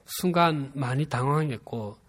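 With a medium-pitched voice and the Gyeongsang accent of his native Busan, South Korea, this pastor in his fifties preaches in a measured, earnest manner. Part of his sermon is a story from his own life.

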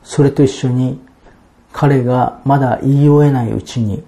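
A man preaching a sermon, explaining Bible verses in a measured, expository way and reading passages aloud. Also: mid-range voice, steady tone, mellow. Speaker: pastor.

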